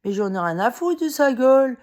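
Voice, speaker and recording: Her voice is high, very animated and darkish in tone, moving at a moderate pace. She's a very tired vlogger talking casually to camera, rambling and heated, her monologue packed with fillers, swearing and short bursts of laughter.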